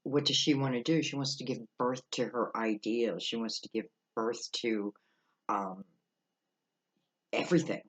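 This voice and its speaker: A man giving an unscripted, mystical horoscope tarot reading, musing aloud with halting pauses and rhetorical questions. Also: medium pitch, steady tone. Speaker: tarot card reader.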